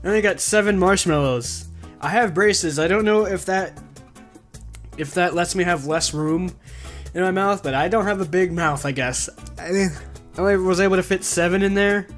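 A young man chatting casually to camera as a vlogger, into a desktop mic in a small room. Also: high-pitched. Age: young adult. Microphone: desktop condenser mic, close.

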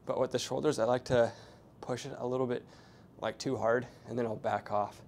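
Wearing a small clip-on mic, with the camera set at a distance, a young fitness vlogger talks casually between sets in a small hotel gym. His mid-range voice is steady, a little fast and darkish, with vocal fry, as he rambles in a laid-back way with lots of fillers. Slight background noise can be heard.

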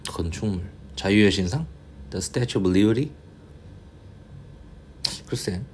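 Low-voiced guy tutoring english, grumbles to himself, slow careful reading, faint hiss behind. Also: darkish tone. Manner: thinks aloud, grumbles and mutters to himself; reads English slowly, explains in quick Korean. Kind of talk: casual reading-passage lecture.

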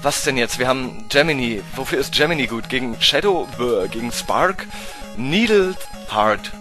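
A man with a German accent giving excitable gameplay commentary, swearing at the game and swinging from low mutters to sudden cries. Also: moderate pace, faint music behind. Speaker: let's play gamer.

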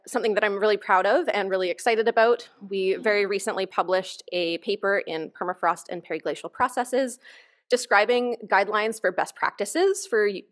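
Enthusiastic woman giving a conference talk. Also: medium pitch. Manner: enthusiastic, informal. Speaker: conference keynote speaker, researcher. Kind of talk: conference presentation. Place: conference hall stage, at a lectern.

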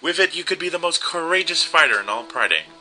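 A man's voice: fairly high pitch, lively intonation, fast talker, bright, forceful tone, faint music behind, voice pushed up, low-quality recording. A man voicing a group of old witches who mock and bargain with the hero, reading their lines in a raised voice.

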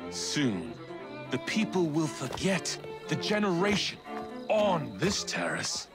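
An actor playing a suave, menacing middle-aged Victorian villain, speaking in a slow, measured way as if leading a slow dance. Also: male voice, a little high, sing-song. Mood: quietly menacing. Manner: slow, measured, counting and philosophizing while slow dancing. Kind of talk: dramatic game cutscene acting. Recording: loud orchestral waltz music behind. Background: loud string dance music.

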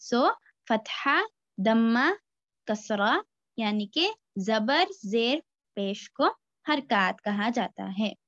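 Slow, patient woman teaching Quran reading. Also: on the high side, expressive, fairly bright tone, dry recording. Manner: mixes Hindi-Urdu with English phrases; recites letter sounds slowly for repetition. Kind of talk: slow step-by-step lesson. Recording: dry, dull lo-fi recording.

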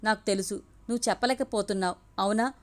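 A woman voicing a gentle, caring young woman who soothes and encourages her crying friend in an audio story. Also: fairly high pitch, fairly quick, natural voice. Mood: tender.

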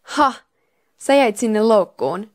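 A woman's voice: on the high side, lively intonation, voice pushed up. A woman reading the part of a cocky boy who gloats and teases during a board game. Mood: gloating. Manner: gloating, mocking.

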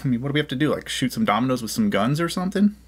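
Speaking into a desk condenser mic in a small room, this US man in his thirties reacts casually on video with plenty of cheerful enthusiasm and ready compliments. His mid-range voice is husky and expressive.

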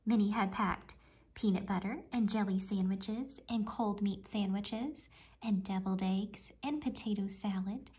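A woman with a mid-range voice reads a children's storybook aloud. Her narration is expressive and deliberate, in a true storytelling style.

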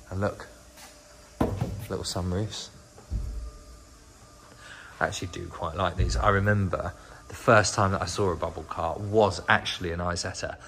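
A British vlogger hosting a channel on rotten old cars chats informally as he walks through a car workshop. His voice is low yet fairly bright in tone, and there's a bit of background noise.

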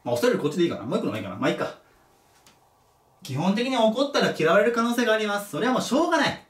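High, lively man lecturing in an echoey room. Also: racing. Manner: lively, thinks aloud, corrects himself. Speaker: teacher. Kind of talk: casual whiteboard lecture. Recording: echoey room, mic at a distance.

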